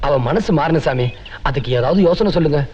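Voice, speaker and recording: An actor playing a gullible, lovesick landlord who pleads earnestly in film comedy dialogue. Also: male voice, fairly high pitch, lively intonation, a little fast, darkish tone. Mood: pleading.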